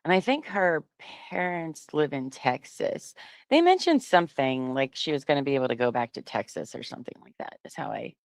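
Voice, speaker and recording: A woman's voice: deep voice, sing-song, moderate pace, gravelly, no echo. A woman co-hosting a casual chat, thinking aloud with frequent fillers. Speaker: co-host.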